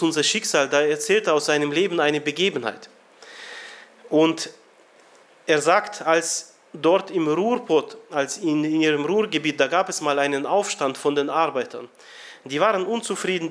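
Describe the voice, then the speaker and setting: A man preaching to a congregation, retelling a story and acting out the shouted lines with a raised voice. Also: on the high side. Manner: earnest, acts out quoted shouting with raised voice. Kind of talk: sermon storytelling.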